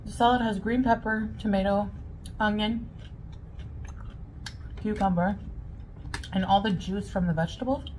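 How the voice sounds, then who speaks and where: A woman's voice: medium pitch, fairly even intonation, measured pace, long pauses, darkish tone, slight background noise, rough recording. A woman in a casual eating vlog, chatting and describing her food while chewing. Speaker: vlogger.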